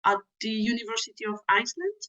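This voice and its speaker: A young woman from Switzerland, a PhD student, giving methodical explanatory interview answers with frequent small pauses. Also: fairly high pitch, animated, sharp tone, highs cut off, slight background noise.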